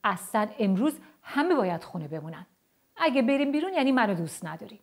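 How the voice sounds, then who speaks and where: A woman's voice: fairly high pitch, very animated, pitched above the performer's own voice. A woman voicing a childish runaway dad. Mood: petulant. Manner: shouting and sing-song chanting. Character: tantrum-throwing father, childish and wild.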